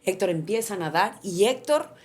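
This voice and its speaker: A woman's voice: mid-range voice, moderate pace. A woman, a mother telling her own story in an interview. She speaks earnestly and with animation. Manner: earnest, animated, often acts out what others said. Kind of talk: candid personal storytelling.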